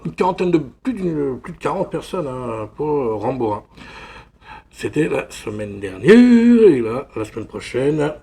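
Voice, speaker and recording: Man from France, casual unboxing vlogger, gravelly, rambling, filler-heavy delivery. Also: mid-range voice, a little mellow. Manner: chatty, rambling, constantly saying voilà. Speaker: film collector vlogger.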